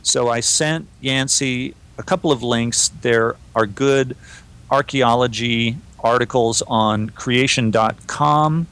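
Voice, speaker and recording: A man co-hosting a podcast, chatting in a relaxed way and reading listener emails aloud. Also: mid-range voice, takes it slowly. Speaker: podcast co-host. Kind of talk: casual podcast discussion.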